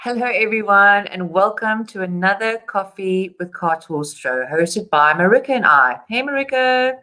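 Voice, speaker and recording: A woman's voice: medium pitch, lively intonation, normal speed, sharp tone. A woman hosting a charity web show, reading an upbeat prepared script. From South Africa. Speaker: show host.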